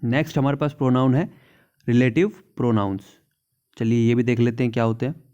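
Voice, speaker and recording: Guy teaching english grammar in hindi, mellow voice, kinda muffled lo-fi sound, reads examples real slow. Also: medium pitch, steady tone, clear, resonant tone. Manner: explains in Hindi, reads English examples slowly, repeats "theek hai na". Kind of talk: classroom grammar lesson.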